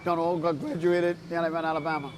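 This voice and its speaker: Against a noisy background, a fairly high-pitched man talks fast as an interview guest. He's a Bermudian restaurant owner sharing lively stories in a casual chat, quoting others and repeating phrases to stress his points.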